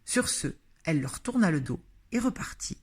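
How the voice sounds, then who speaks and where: A woman narrating an audiobook chapter in an expressive, measured reading. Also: on the low side, slightly rough. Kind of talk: scripted narration.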